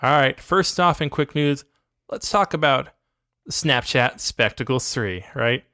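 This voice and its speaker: A man co-hosting a casual podcast, teasing his partner with deadpan jokes. His voice is smooth and clear, mid-pitched, and recorded dry and close. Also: unhurried, no echo. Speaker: podcast co-host. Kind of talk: casual chat.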